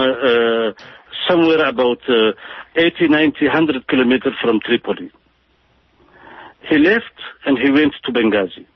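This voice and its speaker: Husky-voiced man giving emphatic commentary. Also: medium pitch, no room sound, lo-fi sound. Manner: halting, emphatic, frequent restarts and fillers. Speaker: political commentator. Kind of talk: impassioned political commentary.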